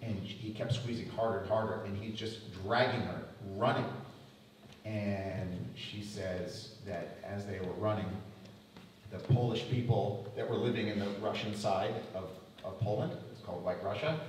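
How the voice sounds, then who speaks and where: A middle-aged man retelling family history at a public talk, halting and repeating words as he goes. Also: lowish voice, slight background noise. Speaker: lecture speaker. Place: museum lecture room. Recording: echoey hall from far off.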